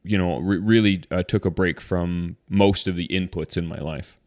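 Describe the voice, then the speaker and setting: This low-pitched podcast host talks at normal speed, recorded in studio quality with no echo. Slightly congested, he keeps the chat loose and rambling, with lots of restarts.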